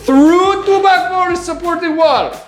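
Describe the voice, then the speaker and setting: A man putting on a stern male instructor with a mock Dutch accent, lecturing in a high voice and laughing through it. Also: slow pace, roomy sound. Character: stern male instructor laying down strict rules.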